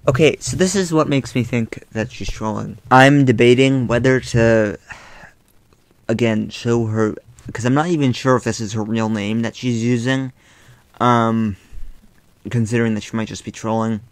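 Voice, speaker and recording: A man's voice: medium pitch, fairly even intonation, moderate pace, no echo. Exasperated man on a dry close mic. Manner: exasperated, rambling with fillers. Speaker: YouTube commentator. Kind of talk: casual commentary vlog. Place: bedroom.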